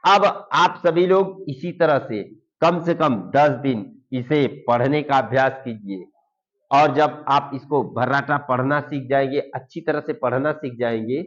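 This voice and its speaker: A man teaching beginners to read, sounding out syllables slowly and repeating each word for the learners. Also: medium pitch. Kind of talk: slow Hindi reading lesson for beginners. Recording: dull lo-fi recording.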